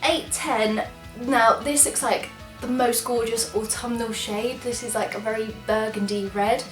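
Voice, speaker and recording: A young woman from England, congested and stuffy from a cold, chats enthusiastically as a beauty vlogger trying on products, tossing in apologetic asides. Her slightly high voice is steady and measured. The rough recording sounds roomy, with music underneath.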